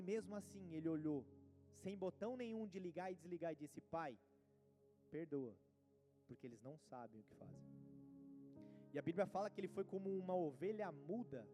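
A man with a Brazilian Portuguese accent preaching a sermon. He swings between loud emphatic bursts and quiet asides, acting out the voices he quotes. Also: sits high. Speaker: pastor.

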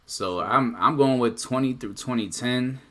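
A man in casual group chat about music, relaxed and trailing off quietly at the ends of phrases. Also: medium pitch, unhurried, crowd noise.

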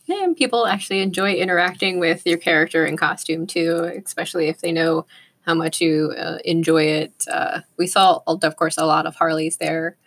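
A woman's voice: low-pitched, normal speed, a bit bright. A woman in casual chat, explaining things in a matter-of-fact way.

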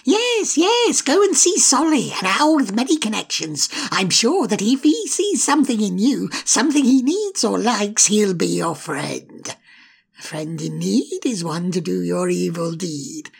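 A woman voicing a gravelly, sneering male imp. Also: big pitch swings, measured pace, exaggerated voice. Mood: taunting. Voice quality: gravelly, raspy. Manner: mocking, sneering, darts between whispers and shrill taunts. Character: sly, spiteful male imp, cackling and insulting. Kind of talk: storybook reading.

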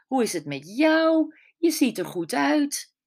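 A woman's voice: fairly low pitch, big pitch swings, moderate pace, darkish tone. A woman reading aloud the lines of a middle-aged bookseller who puts on a brave front over her grief. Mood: friendly.

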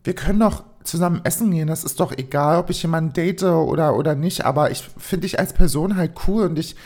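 A woman voicing an eager teenage boy who keeps pressing to be friends, with a slightly creaky voice. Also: low voice, brisk, darkish tone.

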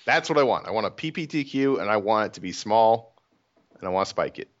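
A man's voice: lowish voice, expressive, quick pace, muffled recording. A man co-hosting a casual podcast, answering in short, dry joking remarks. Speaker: podcast co-host.

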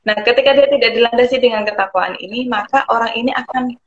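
A woman who explains things conversationally and pauses often to search for words. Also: a little high, slight background noise. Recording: roomy, dull lo-fi sound.

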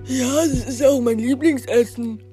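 A woman's voice: sits high, mellow. A woman playing a boastful baby boy. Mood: cheerful. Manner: slow, cheerful and naive. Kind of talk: improvised storytelling podcast. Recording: faint music behind the voice.

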